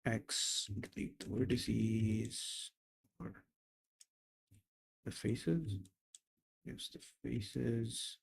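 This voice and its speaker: A man's voice: lowish voice, steady tone, very slow, creaky, long pauses, husky, low-quality recording. A young man mumbling to himself as he talks through building a 3D model on a stream. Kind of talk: casual thinking aloud while modeling.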